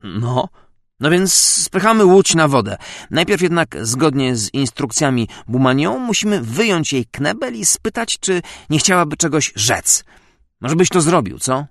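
A man's voice: a little high, sing-song, a little slow, a bit bright, no echo, voice pushed up, heavily acted. Man reading as a nervous nobleman for a storybook, quavering then barking orders, dry close sound. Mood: uneasy. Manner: trembling, wavering voice, then commanding. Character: frightened middle-aged male baron accomplice. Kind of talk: audiobook character reading.

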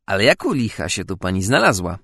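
A charming, self-assured gentleman seducer, read by a man in a lowered, soft, amused tone. The voice is gravelly and rises and falls freely. The recording is dry and close. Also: sing-song, quick pace, no echo, heavily acted.

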